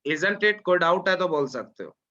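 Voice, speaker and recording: A man teaching an online class, drawling out formulas slowly and often checking that his students follow. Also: sits high, expressive, bright, forceful tone. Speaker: lecturer. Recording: dull lo-fi lecture audio.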